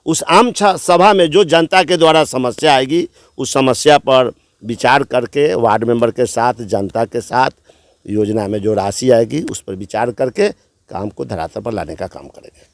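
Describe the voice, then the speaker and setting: A man's voice: medium pitch, a little slow, no echo. Eager male village council candidate. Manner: eager, assenting, lists plans. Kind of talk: interview answers.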